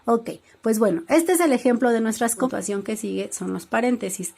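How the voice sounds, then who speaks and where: Woman teacher, higher pitch, patient explanatory classroom delivery. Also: vocal fry, darkish tone. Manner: explanatory, reads examples aloud. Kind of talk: classroom lesson.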